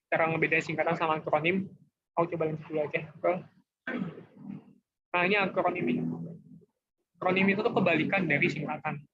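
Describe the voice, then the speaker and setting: A fairly high-pitched young man explains grammar rules to students in a loose, chatty way. His keeps the lesson relaxed. The sound is dull and lo-fi, as over a video call. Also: husky. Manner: chatty, informal, often says guys and gitu. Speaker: tutor. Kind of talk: casual online class explanation. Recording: dull lo-fi online class audio.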